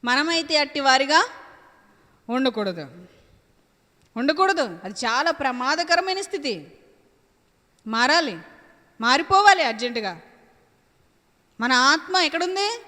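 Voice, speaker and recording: A woman's voice: high voice, animated, measured pace, long pauses, sharp tone, long reverb tail. A woman preacher delivering an emphatic sermon, repeating her phrases and asking and answering her own questions.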